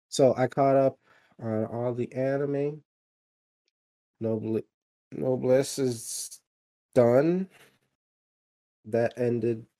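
A man talking casually on a podcast with a warm, mellow tone. He rambles, restarts sentences and fills gaps with ums and likes. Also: mid-range voice. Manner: rambling, many fillers and restarts. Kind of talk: casual chat.

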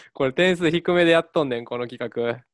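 A man's voice: a little high, no room sound, clean studio sound. A man with a Kansai accent co-hosting a casual radio chat, with the teasing retorts of a comic straight man. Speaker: radio show co-host.

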